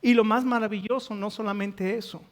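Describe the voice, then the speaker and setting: A man's voice: sits high, steady tone, fairly quick. A man preaching a sermon as pastor in a church, putting rhetorical questions to the congregation. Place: church sanctuary. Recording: long church-hall reverb.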